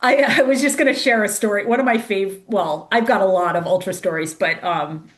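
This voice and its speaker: A woman's voice: mid-range voice, a little fast. Chatty woman telling a story. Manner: chatty, fills speech with "like"; acts out quoted voices. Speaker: guest, race director. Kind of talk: casual storytelling.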